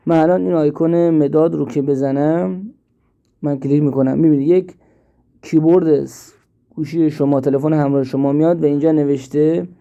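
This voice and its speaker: A man teaching an app step by step, slowly and with repeats, in a screen-recorded tutorial. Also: on the high side, creaky, dark tone, lo-fi sound. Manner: slow step-by-step explaining, repeats himself. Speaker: instructor.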